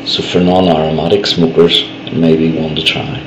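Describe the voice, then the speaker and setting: A man with a very deep voice speaks calmly around a pipe stem held at his lips, thinking aloud as he describes a tobacco. The sound is roomy and echoey. Steady noise runs clearly behind him. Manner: relaxed, measured, thinking aloud. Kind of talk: casual spoken review.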